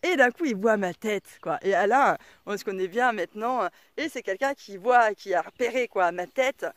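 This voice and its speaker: A woman vlogger and mother telling a story to camera in a casual, slangy and very expressive way. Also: medium pitch, normal speed, dry recording. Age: adult mother of a son.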